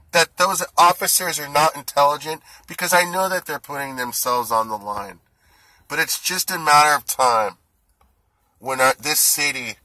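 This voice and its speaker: A man's voice: on the high side, pushed and bright, no room sound, rough recording. Forties male, indignant ranting vlogger, tense edge, dry close sound. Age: 40s. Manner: indignant, ranting, rising heat. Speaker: food delivery driver. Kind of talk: angry monologue to camera.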